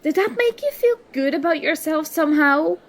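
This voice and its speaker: A woman with a high, expressive voice speaks at a moderate pace, performing an ASMR roleplay. Playing one side of the dialogue, she acts as an indignant, sarcastic young student confronting an old school enemy, sounding accusing and hurt.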